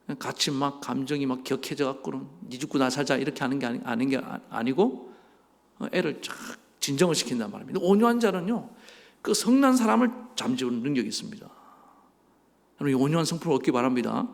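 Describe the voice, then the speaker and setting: Middle-aged man, pastor, sermon, rhetorical questions, fry in the voice, reverberant sanctuary. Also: mid-range voice, expressive, fast talker. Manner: preaching with rhetorical questions to the congregation. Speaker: senior pastor. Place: church sanctuary. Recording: long reverb of a church hall.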